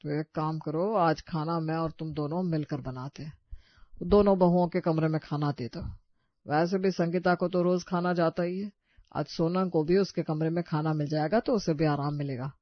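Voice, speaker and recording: A woman voicing a calm, practical older father-in-law in a cartoon. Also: deep voice, moderate pace, no echo, lo-fi sound.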